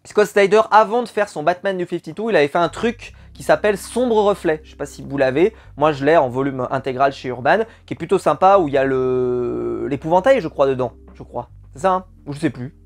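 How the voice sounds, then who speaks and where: A man's voice: on the high side, fairly quick, hardly any pauses. A man hosting his channel, talking casually and at length about comic books, with many fillers and asides. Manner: chatty, many fillers and asides, upbeat bursts. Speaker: comics reviewer. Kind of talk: casual review talk.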